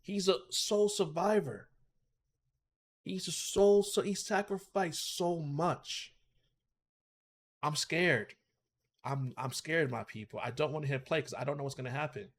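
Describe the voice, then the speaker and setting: A man's voice: a little high, a little slow, pauses often. A man hosting a reaction video, talking emotively and repetitively as he thinks aloud. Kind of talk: casual reaction commentary.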